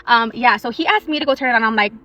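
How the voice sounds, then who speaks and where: A young woman in a parked car telling a true story in a chatty, animated way, eating on her lunch break. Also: on the high side, rapid-fire, low-quality recording. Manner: chatty and animated, eating while she talks. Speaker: social media storyteller.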